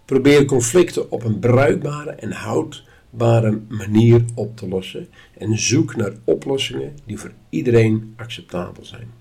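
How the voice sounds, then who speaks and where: Guy teaching a lesson, calm and measured, kinda husky voice. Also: mid-range voice. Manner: calm, instructive, measured delivery. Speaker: course teacher. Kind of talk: spoken lesson.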